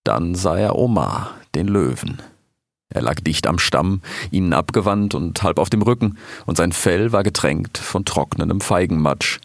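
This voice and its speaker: Male audiobook narrator, animated delivery, dry booth sound. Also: deep voice, measured pace, vocal fry, dry recording. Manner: expressive storyteller.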